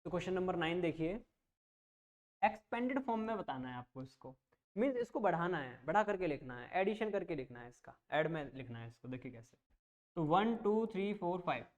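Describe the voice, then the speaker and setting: A man's voice: high-pitched, very animated, a little fast, dull audio. A man teaching an online math lesson as a coaching teacher. He talks patiently, repeats each step and keeps checking whether the students follow. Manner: reassuring, plain explanations.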